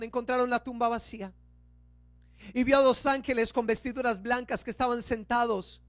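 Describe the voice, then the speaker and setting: A male pastor, preaching an Easter sermon and slowing down to stress key words. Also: very high-pitched, fairly bright tone, dry recording.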